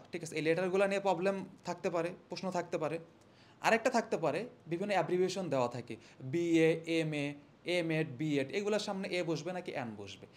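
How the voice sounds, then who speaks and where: A young man teaching an English grammar lesson casually, asking his students questions and answering them himself. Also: on the high side. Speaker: exam-prep English teacher. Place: classroom or studio, indoors. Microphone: phone or mic held near the mouth.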